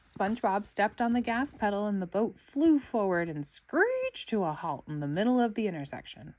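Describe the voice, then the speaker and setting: Reading a picture book to children, this woman narrates with plenty of expression. Her voice is mid-pitched, and her pacing is neither fast nor slow.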